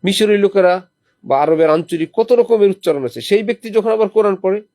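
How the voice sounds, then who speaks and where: Fairly quick and high-sitting, with a darkish tone, a man's voice comes through dry as he addresses a small gathering. During a stay in lodgings on a visit to a holy city, he recites Quranic verses as examples and questions those present.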